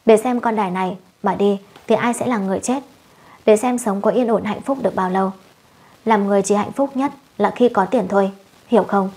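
A woman voicing a sharp-tongued young village wife who scolds and curses shrilly, in a storybook reading. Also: mid-range voice, a little fast, breathy edge. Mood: furious.

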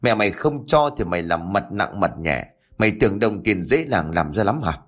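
A man voicing an angry older stepfather who scolds forcefully. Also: low-pitched, lively intonation, moderate pace. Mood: furious scolding.

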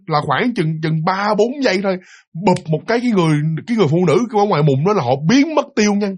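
A man narrating a ghost story in an animated, dramatic way, speaking directly to his listeners. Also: high-pitched, breathy edge.

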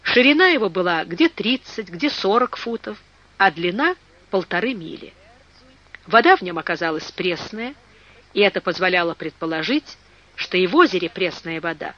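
An audiobook narrator reading a classic adventure novel in measured storytelling narration. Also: medium pitch, very animated, bright, forceful tone, highs cut off.

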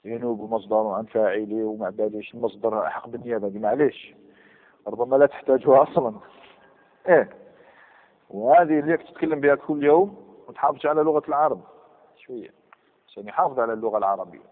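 A man's voice: mid-range voice, fast talker, pauses often. A man teaching grammar in a lecture hall. He quizzes his students and repeats key words. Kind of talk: classroom lecture. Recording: phone-like sound with long hall reverb.

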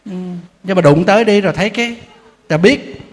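A man giving a Buddhist dharma talk as a monk, telling anecdotes in an animated, humorous way. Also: sits high, a little fast. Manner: storytelling, animated, acting out quotes with humor. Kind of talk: sermon. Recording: long hall reverb.

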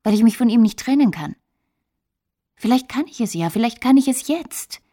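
A passionate young woman in her twenties in a radio play. Her voice is mellow and breathy, and she talks in an earnest, intimate, pleading way. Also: a little high, animated, normal speed. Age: 20s. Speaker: radio drama actress.

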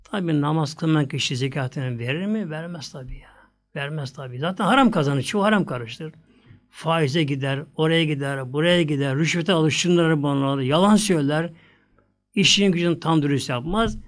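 A male preacher giving a religious sermon, reciting verses slowly and repeating his points insistently, swinging between raised lines and near-whispers. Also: fairly high pitch. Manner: recites Arabic verses slowly, then explains them; repetitive, insistent preaching cadence.

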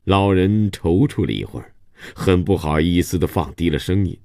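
Deep, gravelly male storyteller. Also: lively intonation, moderate pace, darkish tone, dry recording, clean studio sound. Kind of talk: scripted story narration.

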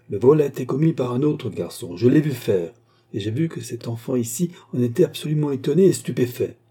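A man's voice: medium pitch, warm tone, slightly rough. A man voicing an honest, poor older bookstall keeper who is out of breath and urgent as he insists on being heard. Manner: urgent, pleading.

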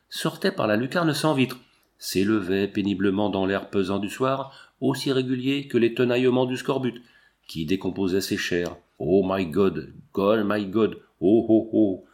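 A man narrating a novel in an expressive, measured reading. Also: on the low side.

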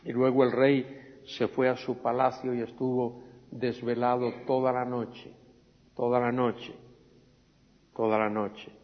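A man's voice: medium pitch, flat delivery, unhurried, long pauses. A man teaching a Bible study in sermon style, retelling scenes and acting out the quoted speech in a raised voice, repeating phrases and asking his listeners rhetorical questions. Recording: dull lo-fi sound with a long echo in a large hall.

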